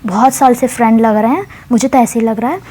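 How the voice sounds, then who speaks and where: A woman's voice: a little high, fast talker, mellow, slightly rough. A woman voicing a jealous, hot-tempered young woman who piles on accusing complaints. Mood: sarcastic.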